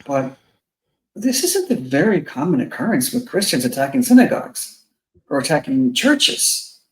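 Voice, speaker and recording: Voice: mid-range voice, sing-song, moderate pace. Blunt talker with a big echoey room sound. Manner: blunt and heated, stumbling over restarts. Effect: echoey sound, as if in a big bare room. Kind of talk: casual opinion chat. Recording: echoey, roomy mic sound.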